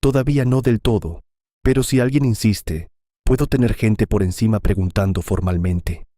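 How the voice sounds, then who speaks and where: A man's voice: on the low side, normal speed, warm tone, no room sound, studio quality, lightly acted. Man reading a grave military commander. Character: military commander, serious, guarded.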